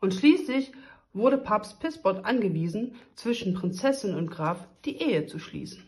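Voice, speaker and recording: A woman reads a rhyming children's story aloud. Her delivery is lively and follows the beat of the rhymes. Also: medium pitch, a little slow. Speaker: kindergarten story reader.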